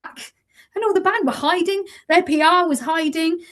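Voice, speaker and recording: A British woman journalist telling stories as a podcast guest, animated, laughing and swearing freely. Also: very high voice, unhurried. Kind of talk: casual anecdotal chat.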